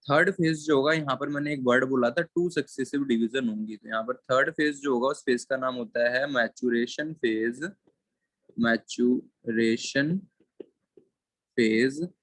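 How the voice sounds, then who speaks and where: A male biology teacher giving a classroom lecture, dictating slowly and repeating key terms word by word, mixing English terms into his explanation. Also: mid-range voice, fairly even intonation, fairly bright tone, dry recording. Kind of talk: classroom lecture with board writing.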